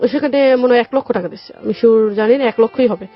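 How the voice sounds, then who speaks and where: Her voice is a little high and her pace quick: a young Bangladeshi Bengali-accented woman, interviewed on the radio, casually shares her life story and keeps reenacting conversations as dialogue. The sound is dull lo-fi radio quality, with background music.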